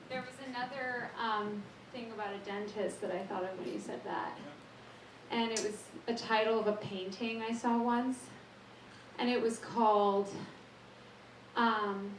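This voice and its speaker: A woman reading her own short poems at an open mic, a little nervous and laughing softly between them. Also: medium pitch, a little hiss or hum. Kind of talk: slow spoken-word poetry reading. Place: small studio performance space. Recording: echoey room, far from mic.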